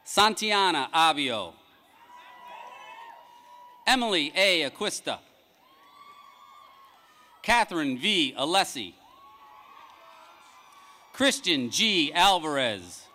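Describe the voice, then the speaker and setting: Slow, bright-voiced man reading graduate names. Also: fairly high pitch, sing-song, a faint crowd. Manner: measured, announcing each name with a rising then falling cadence. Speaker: commencement name reader. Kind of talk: formal ceremonial name reading. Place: large outdoor graduation ceremony.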